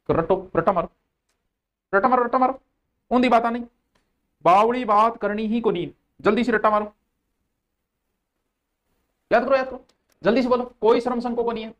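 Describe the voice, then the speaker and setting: A man with a Rajasthani accent giving a live exam-coaching lecture. He jokes, answers viewer comments aloud and repeats key terms slowly so students learn them by rote. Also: high-pitched. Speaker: teacher.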